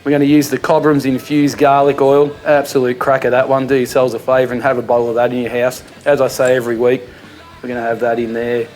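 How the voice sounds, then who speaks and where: An Australian man hosts a comic cooking show from his home kitchen, talking in a relaxed, slangy way with lots of fillers. His voice sits at an ordinary middle pitch. Faint music and the clatter of dishes play behind him. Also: quick pace. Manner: laid-back and slangy, with many fillers.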